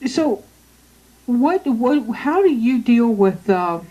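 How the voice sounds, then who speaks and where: A woman's voice: fairly high pitch, sing-song, takes it slowly, mellow, muffled recording. A woman hosting an interview show, chatting freely, laughing easily and asking long, winding questions. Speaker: show host. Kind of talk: conversational interview.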